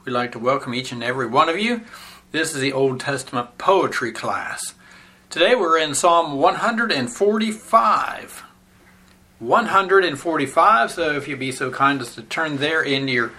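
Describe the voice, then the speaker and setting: Slow, bright-voiced male Bible teacher. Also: on the high side. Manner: deliberate and halting, with frequent filler pauses; solemn, measured scripture reading. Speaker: Bible seminary instructor. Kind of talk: slow spoken Bible lesson with scripture reading.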